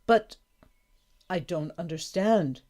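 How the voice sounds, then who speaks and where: A woman's voice: on the low side, animated, slow, a little mellow. A woman reading aloud and voicing a dignified, grateful village chief in a storybook, earnest and courteous.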